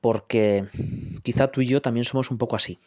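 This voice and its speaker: A priest delivers a homily in a chatty, personal manner, tossing out rhetorical questions and short checks with his listeners. His voice sits at an ordinary male pitch. The recording is close and dry, with no room sound. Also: steady tone, a little fast, darkish tone, no echo. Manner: conversational, rhetorical questions with frequent "¿eh?" and "pues".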